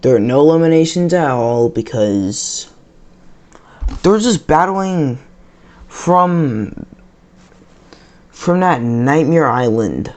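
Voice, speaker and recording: A man's voice: a little high, animated, slow pace, pauses often, darkish tone. A man reacting to a cartoon episode in a casual, rambling and sarcastic way. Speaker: video reactor.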